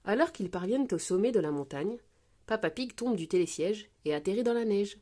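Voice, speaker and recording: Woman, children's story reader, read-aloud, sing-song, very animated pitch. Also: a little fast.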